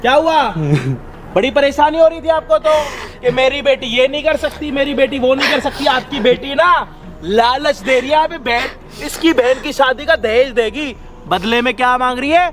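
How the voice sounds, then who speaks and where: Sneery accuser guy, high voice, sarcastic digs, man acting. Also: normal speed. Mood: taunting. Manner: taunting, sarcastic.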